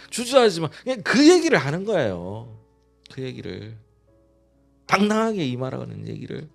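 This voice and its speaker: A male pastor preaching a sermon, leading the congregation in reading and asking them questions. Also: fairly high pitch. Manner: lively sermon with call-and-response reading.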